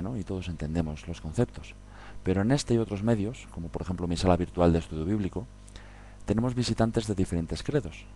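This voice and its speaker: A man's voice: sits low, warm tone, a little hiss or hum. A man giving an informal Bible study talk, conversational, often checking in with his listeners through tag questions. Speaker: Bible teacher.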